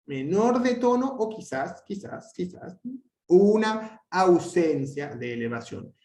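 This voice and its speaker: A man teaching a language lesson, explaining at length with frequent restarts and fillers, and drawing out his example words slowly. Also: high-pitched, very animated, darkish tone. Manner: hesitant, many restarts and fillers. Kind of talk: explanatory lecture. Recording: echoey room.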